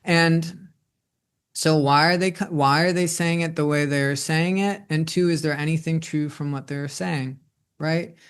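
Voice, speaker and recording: A man's voice: on the high side, steady tone, unhurried, a bit bright, smooth. A man in his twenties speaking reflectively in a personal monologue, rambling with many restarts and filler words. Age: 20s. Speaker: host.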